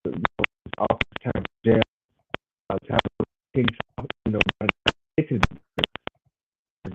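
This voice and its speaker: Male call-in panelist, lower-pitched, on a choppy, dropping connection with loud line noise. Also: expressive. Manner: halting, leans on filler phrases. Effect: choppy call breaking up and dropping out. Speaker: podcast panelist calling in. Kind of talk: casual sports chat. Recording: tinny, noisy, distant call line.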